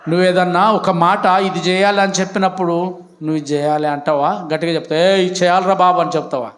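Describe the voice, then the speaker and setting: A man's voice: sits high, steady tone, fast, fairly bright tone. A man, preaching a Sunday sermon as pastor, with emphatic outbursts and questions put to the congregation. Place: church.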